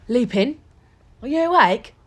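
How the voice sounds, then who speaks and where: A woman's voice: fairly low pitch, lively intonation, brisk, slightly rough. A woman playing a stern, cold matron at a children's home, with a clipped, nasal, curt way of speaking. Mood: brisk.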